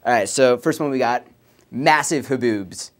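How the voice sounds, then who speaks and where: A man's voice: mid-range voice, normal speed. A young man hosting a student comedy talk show, delivering dry jokes with mumbled asides. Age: young adult.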